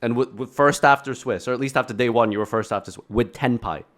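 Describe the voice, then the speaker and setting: A man's voice: mid-range voice, fast talker. A man giving casual reaction commentary on a video, blunt and ranting, with sarcastic asides.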